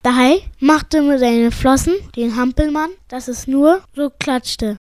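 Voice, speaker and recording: Slow, high-pitched woman telling a children's story. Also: fairly even intonation. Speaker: narrator.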